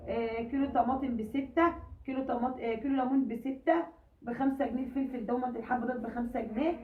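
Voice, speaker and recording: Egyptian woman vlogger, hoarse, rushed and high, pleading with viewers, far from the phone mic, echoey and tinny. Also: steady tone, slight background noise. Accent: Egyptian Arabic. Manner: emotional, pleading, rambling. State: hoarse from a cold. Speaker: cooking vlogger. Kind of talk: casual chat to viewers. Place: home.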